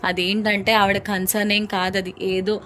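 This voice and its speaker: A woman voicing a younger brother who calmly scolds his older brother. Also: medium pitch, moderate pace, slight background noise, close to an everyday voice. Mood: chiding.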